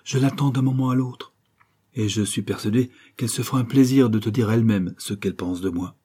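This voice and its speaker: A man reading aloud who voices an affectionate young girl, gentle and pleading in a storybook. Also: mid-range voice, a little fast, husky, lightly acted. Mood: earnest.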